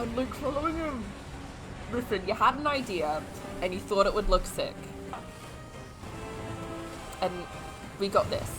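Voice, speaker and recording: A woman's voice: a little high, rough recording. A young Australian woman giving chatty movie reaction commentary, exclaiming at the screen and laughing often. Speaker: YouTube vlogger. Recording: film audio and music behind.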